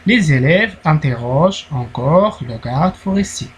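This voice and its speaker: A man with a Moroccan accent, teaching a primary school French lesson, explaining slowly and repeating key words. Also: a little high, animated, slight background noise, poor audio.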